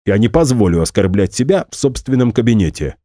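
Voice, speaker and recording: Man reading a bristling headmaster, snapping orders in a deep dark voice. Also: big pitch swings, brisk. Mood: furious. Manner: barking, trembling with rage. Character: angry middle-aged male school director.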